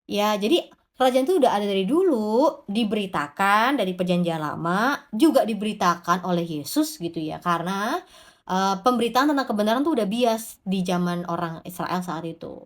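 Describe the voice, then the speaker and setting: A woman's voice: medium pitch, lively intonation, moderate pace. A woman giving an informal devotional sermon, talking straight to the congregation and answering her own rhetorical questions. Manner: addresses the congregation directly. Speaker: preacher.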